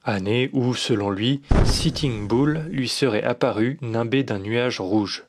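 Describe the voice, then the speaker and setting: A man reading a scripted documentary voice-over in a measured, dryly critical manner. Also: medium pitch, breathy edge. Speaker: documentary narrator. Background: music.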